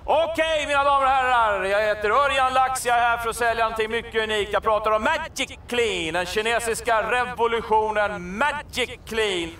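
A man's voice: very high-pitched, hardly any pauses, pushed and bright, distant mic, slight background noise. An actor playing a crude, boastful wannabe musician and pushy street salesman who swears constantly. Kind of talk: sketch comedy acting.

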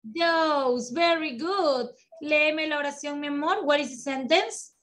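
A woman teaching English to children over a video call, encouraging and slow, switching between English and Spanish. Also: sits high, fairly bright tone. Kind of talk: online children's class.

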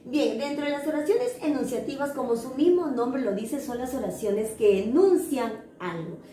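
A woman, a primary school teacher giving a remote grammar lesson and coaxing young pupils in an animated way. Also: sits high, normal speed. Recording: echoey room, faint noise.

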